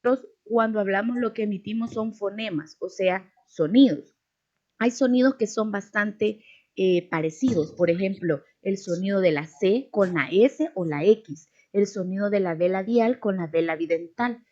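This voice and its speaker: A woman's voice: mid-range voice, normal speed, a little mellow, lo-fi sound. A woman teaching a language lesson over a video, patiently spelling out letters and sounds one by one.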